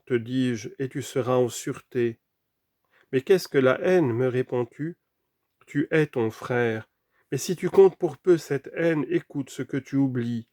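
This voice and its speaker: A man reading a sermon aloud in an earnest, deliberate way, dropping quieter for scripture references. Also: medium pitch, no room sound, clean studio sound. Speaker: reader of a sermon.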